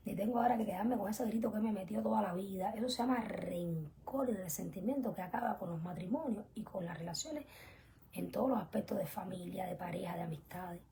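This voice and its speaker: A young woman teaching an online religious class, earnest and emphatic, often dropping to soft whispered asides. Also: mid-range voice, fairly quick, slight background noise. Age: young adult. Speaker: spiritual teacher.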